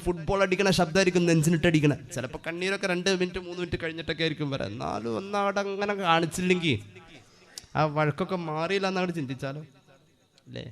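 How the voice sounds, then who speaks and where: Malayali male preacher, high voice, quick hushed storytelling broken by loud chanted recitation. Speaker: Islamic preacher. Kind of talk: sermon. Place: mosque or religious gathering.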